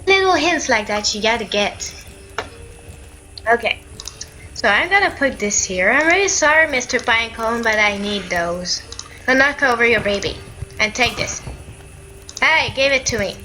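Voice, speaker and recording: A woman casually commenting as she plays a video game, reacting aloud to what she finds on screen. Her voice is high and bright. She talks at a slow, easy pace. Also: animated, low-quality recording. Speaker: let's play gamer.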